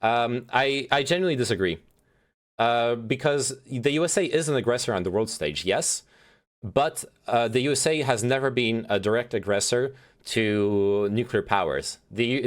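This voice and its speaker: This young streamer's medium-pitched voice has lively intonation and a normal speed. He discusses politics, reading chat aloud and reacting, with many fillers and restarts and swearing freely.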